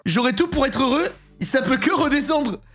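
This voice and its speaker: A man's voice: very high voice, expressive, a little fast, a bit bright, soft background music. Joking man streamer with a cold. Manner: joking, laughs often, swears casually. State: has a cold, stuffy and sick. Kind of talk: casual live-stream chat.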